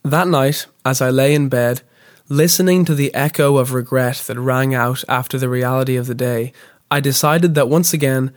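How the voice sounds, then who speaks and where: A man, a podcast host, reading scripted comic narration in a deadpan, mock-grandiose way. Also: mid-range voice.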